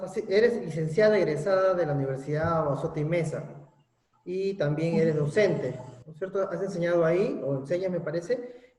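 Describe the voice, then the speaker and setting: A man's voice: a little high, a little mellow. A man with a Peruvian Spanish accent interviewing a guest, stumbling and repeating words as he phrases his questions. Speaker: interviewer, channel director. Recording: echoey roomy sound, long reverb.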